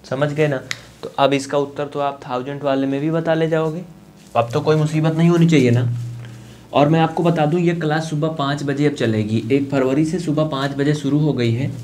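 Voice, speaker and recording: A man's voice: fairly high pitch, fairly even intonation, normal speed, a little mellow, soft background music. A young man with an eastern Uttar Pradesh Hindi accent teaching a live online maths class, chatty and coaxing, often asking students to answer.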